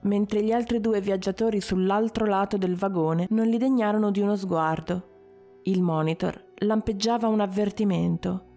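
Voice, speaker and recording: A woman narrating a story in a measured way, with short dramatic pauses. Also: medium pitch, fairly even intonation, dark tone, faint music behind.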